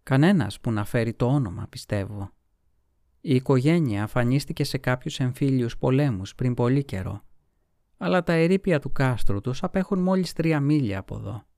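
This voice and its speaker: A man voicing an earnest, caring young woman in a storybook reading, speaking with warm concern. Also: mid-range voice, lively intonation, no room sound, studio quality, close to an everyday voice.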